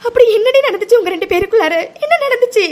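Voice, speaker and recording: A woman's voice: very high-pitched, expressive, quick pace, darkish tone. A woman voicing an anxious, caring young sister who presses with emotional questions. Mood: upset, questioning. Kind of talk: cartoon voice acting.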